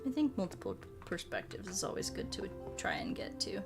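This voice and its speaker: A woman streaming a game chats casually and thinks aloud in a rambling, informal way as host, with music playing behind her. Her medium-pitched voice swoops wildly in pitch, runs a little fast, and has a creaky quality.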